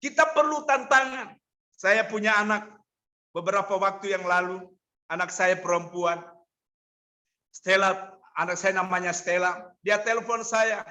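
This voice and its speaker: Bright high-voiced preacher telling a story. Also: male voice, unhurried. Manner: storytelling preacher, acts out quoted dialogue. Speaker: pastor. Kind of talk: sermon.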